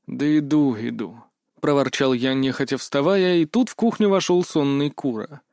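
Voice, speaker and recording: A man reads a first-person audiobook with an even, wry delivery. His voice sits a bit high, and the recording is dry and close to the mic. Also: normal speed, clear, resonant tone, dry recording. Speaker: narrator.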